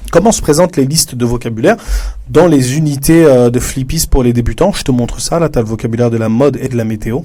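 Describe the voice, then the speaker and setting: A man's voice: mid-range voice, darkish tone. A man walking fellow teachers through classroom materials in a casual, chatty way, often addressing the listener informally. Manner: chatty, addresses viewer informally, many fillers. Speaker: French teacher trainer.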